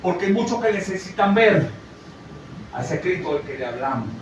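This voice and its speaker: A man with a high voice preaches a sermon and keeps checking in with his listeners. He sounds like he is in a very echoey hall, picked up from well away from the mic. A faint hiss sits behind him. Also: expressive, normal speed. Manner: conversational, asks the congregation questions. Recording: echoey, from far off, faint noise.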